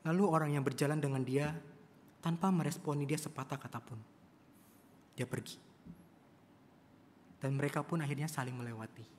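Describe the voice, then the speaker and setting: A man's voice: on the high side, fairly even intonation, normal speed, long pauses, slight background noise. A male preacher telling a story in a church sermon, often addressing the congregation. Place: church service. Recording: long church hall reverb.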